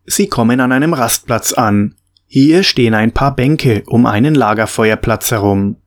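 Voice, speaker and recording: Calm man narrating a storybook. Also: medium pitch, normal speed.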